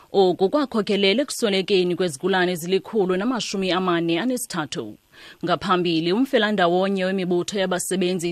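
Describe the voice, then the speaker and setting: A woman's voice: lowish voice, dry recording. A woman reading a scripted radio news bulletin.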